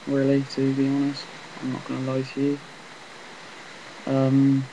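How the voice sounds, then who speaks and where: A man casually rambling through commentary on a game he is playing, talking in a flat, self-deprecating way on a laptop mic. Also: mid-range voice, gravelly, slight background noise, poor audio. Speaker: gameplay commentator.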